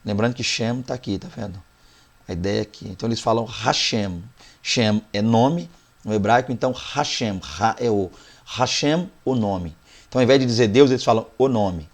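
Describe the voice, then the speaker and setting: A man's voice: lowish voice, moderate pace. Brazilian man teaching a Bible lesson. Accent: Brazilian Portuguese. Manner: explanatory, walks through Hebrew words one by one; talks to the class directly with "né" and "tá".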